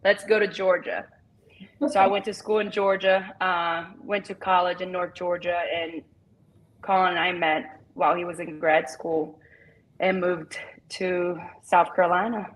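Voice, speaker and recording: A woman's voice: lowish voice, little pitch movement, measured pace, a little hiss or hum, rough recording. A woman in her thirties from Brazil with a Brazilian accent and Portuguese as her first language, chatting easily and laughing as an interview guest. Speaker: guest, business owner. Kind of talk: casual interview chat.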